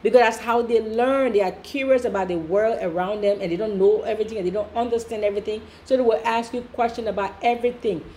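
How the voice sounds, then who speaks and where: A woman's voice: a little high, fairly even intonation, fast, few pauses, dark tone, a little hiss or hum. A woman host giving emphatic, repetitive reaction commentary, preaching about questioning things.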